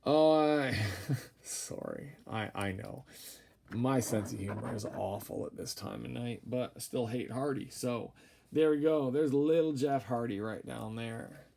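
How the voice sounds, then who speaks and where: At night in a room at home, a tired man casually commentates a trading card break, droning and mumbling through wry, rambling, self-deprecating asides. His medium-pitched voice is a little slow with vocal fry, and there is background noise.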